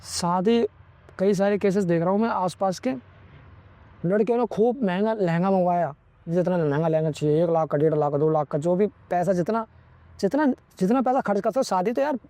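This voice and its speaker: Young male vlogger, high pitched and preachy, dry close sound. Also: mellow, no echo. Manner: preachy, lecturing, constantly says "ठीक है". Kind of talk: opinionated advice monologue.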